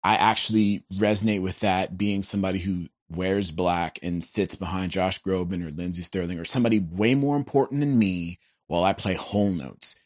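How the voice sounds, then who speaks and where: A man's voice: sits low, fairly even intonation, normal speed, hardly any pauses, no room sound, studio quality. A man who is a guest musician, talking in an earnest, searching way on a podcast, casual with "bro" and "like".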